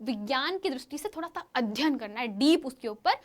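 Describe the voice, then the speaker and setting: Woman science teacher, really high voice, lively, keeps quizzing the kids. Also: brisk. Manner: lively, questioning, addresses pupils as children. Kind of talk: classroom lesson to children.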